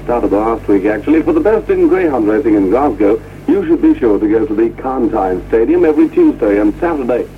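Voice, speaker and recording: A man's voice: mid-range voice, animated, brisk, hardly any pauses, slight background noise. A man hosting a radio request show with breezy, jokey patter and read-out ads, heard over an AM medium-wave broadcast. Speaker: radio disc jockey. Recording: tinny AM radio with music behind.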